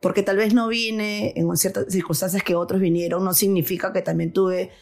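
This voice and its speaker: A woman's voice: mid-range voice, steady tone, normal speed, darkish tone, faint music behind. A woman from Peru, a podcast guest, talking candidly in casual conversation and laughing at her own stories.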